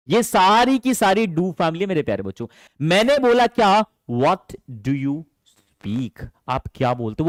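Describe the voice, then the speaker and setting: A man teaching an online English class in Hindi, animated and affectionate, calling his students dear children. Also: on the high side, no echo, clean studio sound. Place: teaching from home.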